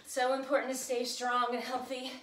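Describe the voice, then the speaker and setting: A woman's voice: high-pitched, level tone, normal speed, a bit bright. A woman in her thirties working as a fitness instructor, calling out encouragement and instructions while exercising. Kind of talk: workout coaching. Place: home garage gym. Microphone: camera several metres away. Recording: echoey room, distant mic, background noise.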